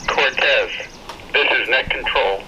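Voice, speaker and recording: A man working as net control in an emergency drill, heard over a two-way radio with static, giving clipped, formal radio calls. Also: mid-range voice. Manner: clipped, measured call-and-response radio talk. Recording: muffled lo-fi radio with loud background noise.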